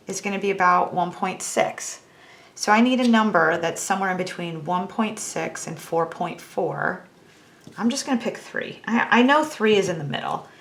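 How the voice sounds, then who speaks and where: A woman's voice: medium pitch, gravelly, fairly bright tone, slight background noise. A woman teaching a math lesson, talking through each step on a calculator in a chatty, self-teasing way.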